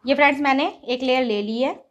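Her voice is high and fairly bright, and she talks fast, though the recording sounds dull. In her home kitchen with its gas stove, she hosts a cooking channel, patiently and instructively explaining each recipe step while addressing viewers as friends.

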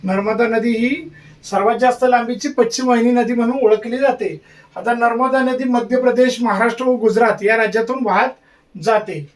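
High-voiced man teaching a lecture. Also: fairly even intonation, normal speed, far from the mic. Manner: repeats key points, drills mnemonics. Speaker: exam-prep teacher. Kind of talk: exam-prep lecture.

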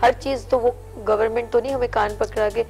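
A woman's voice: a little high, fairly even intonation, fairly quick, gravelly, darkish tone, soft background music. A woman hosting a morning talk show, speaking earnestly and at length in a casual studio discussion. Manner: earnest, lecturing, talks at length.

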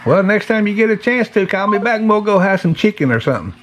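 A man with a high voice and lively, swinging pitch chats in a casual, folksy, teasing way. There is faint noise behind him. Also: fast. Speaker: prankster taking telemarketer calls. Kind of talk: casual joking phone chat.

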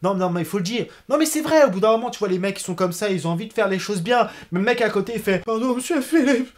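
A man's voice: high voice, racing. A young man giving casual reaction commentary on a TV show, joking and ranting with lots of swearing. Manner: swearing, joking, animated rants.

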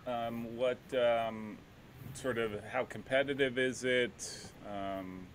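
A man's voice: medium pitch, fairly even intonation, slow pace, a little hiss or hum, poor audio. A middle-aged man hosting an interview over a video call, talking with many ums and restarts into a studio mic with a headset. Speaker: interview host, soccer coach. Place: home room.

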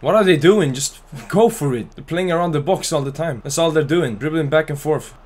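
A man casually commentating his football career-mode game, trash-talking his players and shouting at goals. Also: on the high side, brisk, soft background music. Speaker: gaming channel host. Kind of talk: casual profane gameplay commentary.

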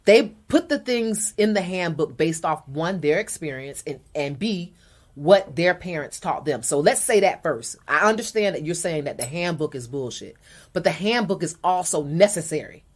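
Measured female podcast co-host. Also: on the low side, lively intonation. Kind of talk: casual debate chat.

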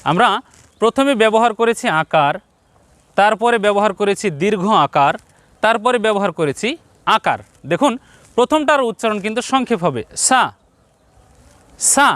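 Male Quran reading teacher, high, lively voice, speaks straight to viewers, encouraging and repetitive. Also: clear, resonant tone, dry recording. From Bangladesh. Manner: repeats points slowly, drawing out syllables for viewers; addresses viewers directly, encouraging. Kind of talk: televised Quran reading lesson.

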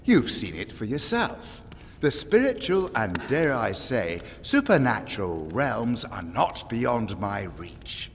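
Theatrical pagan lord, wildly swooping delivery. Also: male voice, mid-range voice, sing-song, slow pace, big-room sound, slight background noise. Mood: sly, urbane. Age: older. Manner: pompous, taunting, silkily eloquent. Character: smug, theatrical old pagan island lord. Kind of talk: audio drama acting.

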